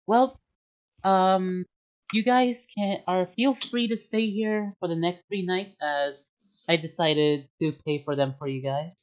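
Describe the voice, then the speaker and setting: Brisk, courteous woman leader, voiced by a game master; mid pitch, dull recording. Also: fairly even intonation, clear, resonant tone, lightly acted. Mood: busy. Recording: dull lo-fi sound.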